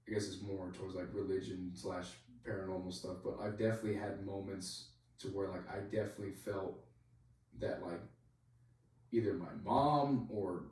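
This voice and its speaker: A soldier telling a story on a podcast in a rambling, casual way, leaning on "like" and swearing freely. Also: male voice, low-pitched, mellow. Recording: very echoey room, voice far from mic.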